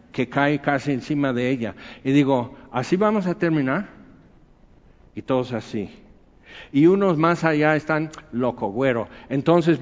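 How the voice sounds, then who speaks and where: Pastor preaching in a hall. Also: male voice, fairly high pitch, highs cut off. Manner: anecdotal, conversational storytelling with acted quotes. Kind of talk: sermon.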